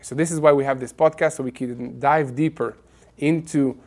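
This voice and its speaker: A man hosts a podcast at a mid pitch. He explains points in a measured way and often chimes in with quick agreement. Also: fairly even intonation, a little mellow. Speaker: podcast host. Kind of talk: casual chat.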